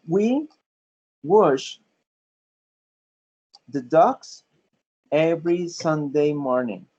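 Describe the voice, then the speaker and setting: A man's voice: a little high, mellow, husky, muffled recording. A man teaching a class, explaining patiently step by step and often checking that students follow. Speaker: English teacher. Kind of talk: classroom lesson.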